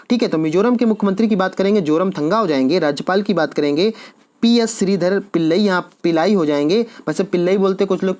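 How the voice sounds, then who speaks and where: A man's voice: high-pitched, darkish tone. A man teaching an exam-prep lecture, posing quiz questions and answering them himself, repeating each key answer.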